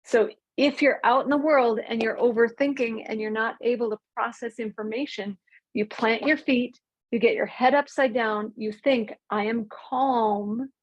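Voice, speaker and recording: A woman teaching an online mindfulness class, speaking calmly and drawing out key words slowly. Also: on the high side, slightly rough, muffled recording. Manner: calm, slows and stretches key words. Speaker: mindfulness coach.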